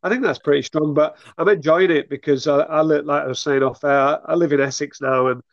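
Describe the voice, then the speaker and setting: Northern English man, slightly high, muffled sound. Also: steady tone, fairly quick, no room sound. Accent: northern English, Greater Manchester. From Rochdale, northern England. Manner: informal, conversational. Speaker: podcast host. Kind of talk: casual interview.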